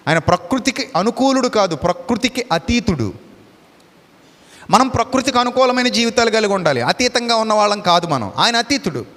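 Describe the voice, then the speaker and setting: A man preaching with emphatic, repeating phrases, his voice sitting notably high. The sound trails off in a long hall reverb. He mixes in English words as he preaches. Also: fairly bright tone. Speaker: pastor. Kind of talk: Telugu sermon with Bible reading.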